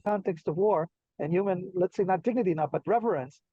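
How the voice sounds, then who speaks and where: A man calls in from his car on a phone video call, his words hurried and broken up. The connection is choppy and cuts out the ends of his phrases, and the sound is dull and lo-fi, with a dry, close feel. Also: high-pitched, slightly rough, no echo. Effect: choppy call audio that cuts out mid-phrase. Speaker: caller. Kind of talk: casual question on a video call. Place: in a moving car.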